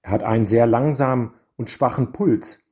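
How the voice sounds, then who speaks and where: A man voicing a calm, capable young woman healer in a storybook reading, matter-of-fact. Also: medium pitch, moderate pace, lightly acted.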